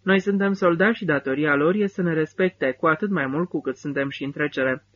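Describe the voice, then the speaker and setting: A man's voice: fairly high pitch, fairly bright tone, dull audio. A man voicing a cocky young male soldier speaking bluntly in an audiobook. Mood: insistent. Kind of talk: audiobook character voice.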